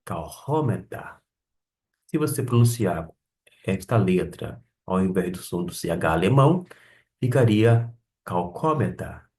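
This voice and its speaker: A man, his low voice moving at a very unhurried pace. He teaches a Bible Greek lesson, carefully repeating each word he explains. He sits a little back from the microphone. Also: expressive, dark tone, recorded from a distance. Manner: deliberate, pausing to spell out and repeat Greek words.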